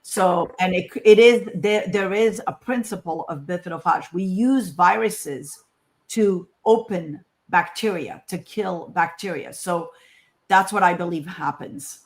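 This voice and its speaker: Here a woman from Morocco addresses a conference as a scientist, her voice lowish and her pace measured. She is casual yet emphatic, leaning on rhetorical questions as she goes.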